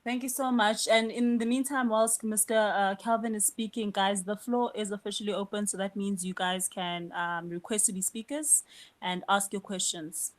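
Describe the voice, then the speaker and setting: A woman's voice: medium pitch, fairly even intonation, moderate pace. A woman hosting a live audio discussion, friendly and chatty with many fillers. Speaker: host.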